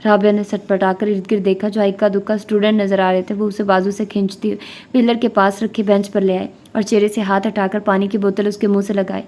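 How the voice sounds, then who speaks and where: Woman, audiobook narrator, scripted novel reading, flat pitch, steady.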